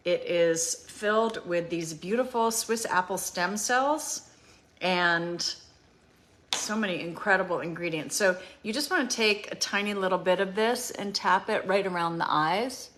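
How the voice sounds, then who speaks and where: Fifties woman chatting through a beauty demo, kinda low voice, lots of ums. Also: measured pace, a bit bright, slight background noise. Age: 50s. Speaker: beauty show host. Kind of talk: casual product demonstration.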